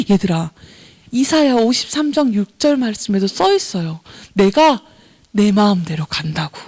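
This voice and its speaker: A young woman teaching a children's sermon, telling a Bible story and acting out the characters' voices as she talks to the kids. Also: sits high. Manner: animated, addresses kids directly, acts out voices.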